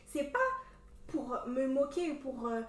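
High-voiced young woman, animated, distant echo. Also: a little slow. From Cameroon. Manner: animated storytelling, many fillers. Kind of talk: casual chat. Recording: echoey room from a distance.

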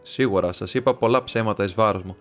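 Guy reading a bitter proud nobleman, mocking and defiant, lowish voice, faint music behind. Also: lightly acted. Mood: scornful. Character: proud scornful male nobleman making a bitter confession.

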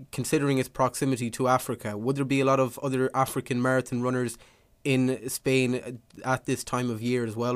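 A man's voice: mid-range voice, no echo. A man asking questions as the interviewer in a conversational sports interview.

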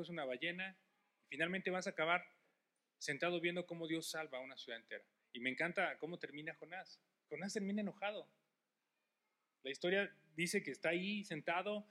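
A man preaching a sermon as a pastor, impassioned and emphatic, swinging between loud appeals and hushed passages, then leading a prayer. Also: fairly high pitch.

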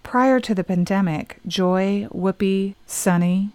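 A woman's voice: mid-range voice, takes it slowly, a little mellow, clean tone, dry recording. A woman co-hosting a casual talk podcast, reading out entertainment news with chatty asides. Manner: reads news items aloud, chatty asides. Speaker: podcast co-host.

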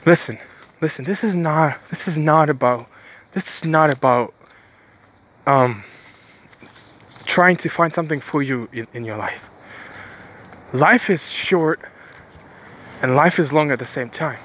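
A man with a somewhat high, slightly bright voice delivers a preachy motivational monologue, speaking a little slowly with long pauses. He rambles, often restarting his sentences and repeating phrases to drive his points home. There's slight background noise.

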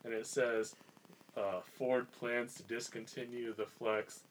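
A man's voice: mid-range voice, level tone, unhurried, a little hiss or hum, poor audio. A teenage boy chatting casually with friends on a podcast, with dry offhand remarks. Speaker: podcast co-host. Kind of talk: casual chat.

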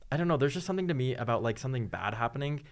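A man's voice: medium pitch, expressive, rapid-fire, creaky. A young man co-hosting a casual podcast, rambling and scattering fillers through his sentences. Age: young adult. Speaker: podcast co-host. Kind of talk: casual chat.

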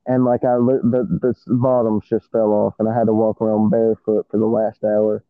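A man's voice: fairly low pitch, little pitch movement, a little fast, no echo. A man co-hosting a casual podcast, talking in a laid-back, rambling way from a small metal shed over a muffled call with a bad connection. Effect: muffled, tinny call over a bad connection. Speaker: podcast co-host. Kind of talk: casual chat. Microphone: phone or internet call. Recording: narrow phone-like line, dry.

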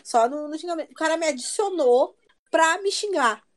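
A woman, telling a story in casual chat with a mocking, lively manner. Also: high voice, normal speed. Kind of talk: casual chat about gaming.

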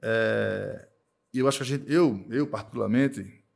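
A man from Northeast Brazil who runs an accounting firm, talking in a casual podcast conversation, emphatic and repetitive, tagging his points with quick checks for agreement. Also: fairly low pitch, creaky. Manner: emphatic, repeats himself, tag questions "tá?" and "né?".

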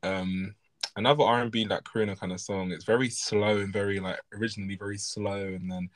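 Male podcast co-host, lowish voice, rambling and self-correcting, chuckling as he goes. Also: steady tone, brisk. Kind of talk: casual chat.

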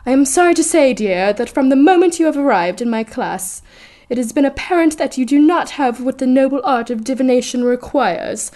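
Professor Trelawney, a woman putting on a breathy mystic. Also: high-pitched, animated, fairly quick, warm tone, voice pushed up. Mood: haughty. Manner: breathy, solemn, grandly mournful. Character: theatrical middle-aged female mystic teacher.

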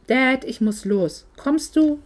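Woman doing a brusque young guy in a rush, offhand, highish voice. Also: lively intonation, slow, full character voice.

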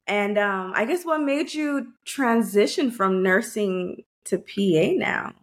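A woman hosting a podcast, asking her guest questions in a gentle, encouraging way. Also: medium pitch, animated, slow. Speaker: podcast host. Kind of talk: interview questions.

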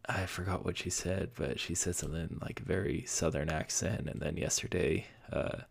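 Gravelly low-voiced man, rambling podcast. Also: steady tone, normal speed. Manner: rambling, self-deprecating, many fillers. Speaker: podcast host. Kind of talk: casual solo podcast monologue. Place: home basement room.

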